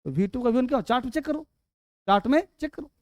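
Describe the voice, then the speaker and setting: A man teaching English grammar, quizzing students and urging them to answer fast. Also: very high voice, expressive, a little mellow, dry recording. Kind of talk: classroom lesson.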